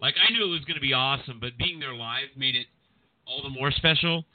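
A man hosting a boxing podcast, talking in a rambling, animated way with lots of restarts and fillers, with a General American accent. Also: mid-range voice, a little fast, no room sound. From California. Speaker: podcast host. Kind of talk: casual boxing podcast chat. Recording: tinny phone-like line, dry.

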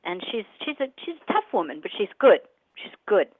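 A woman's voice: medium pitch, very animated, fairly quick, slight background noise. A woman working as a psychic medium, talking casually and directly in short bursts as she gives live readings to callers. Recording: narrow band, phone-like audio.

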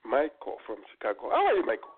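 A man's voice: mid-range voice, huge pitch swings, fast, slightly rough. A man hosting a casual radio call-in chat, often repeating his words as he goes. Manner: stammering repetition of words and phrases. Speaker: radio call-in show host. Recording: tinny phone-like radio sound.

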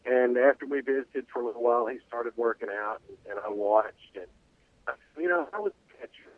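A man's voice: medium pitch, flat delivery, a little fast, dry recording. A male caller telling a rambling story, with many restarts, over a buzzy, glitchy cell call that keeps cutting out. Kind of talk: casual phone-in storytelling. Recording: tinny dry phone line.

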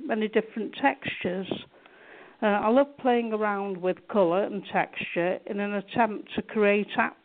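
A woman from England answering interview questions about her art, hesitant, with many fillers and restarts. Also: mid-range voice. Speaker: guest artist. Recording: tinny phone line.

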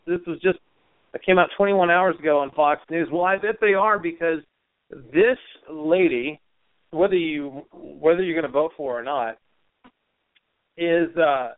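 Male talk radio host, opinionated commentary, slightly high voice, dry tinny audio. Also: dry recording. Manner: opinionated, rhetorical questions.

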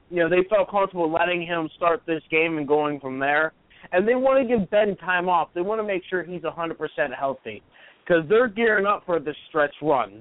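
Man, sports co-host, laid-back, analytical, high voice, dry tinny phone sound. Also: no room sound. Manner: easygoing, analytical, uses fillers like uh and um.

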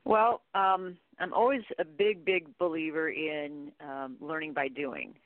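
Over tinny, dry phone-line audio, a middle-aged training company CEO appears as a guest expert, speaking a little slowly in a deep voice. Her answers are conversational and rambling, full of informal anecdotes and acted-out snippets of dialogue.

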